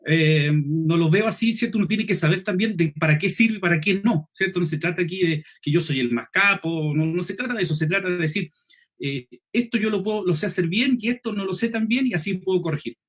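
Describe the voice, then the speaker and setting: A high-voiced man with a Chilean Spanish accent, teaching a preaching seminar online. He talks quickly, eats his final S sounds and keeps checking in with the listeners. The voice has a husky edge. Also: fairly bright tone. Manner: quick, clipped speech, swallows final S, frequent "¿cierto?" checks. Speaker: preaching instructor.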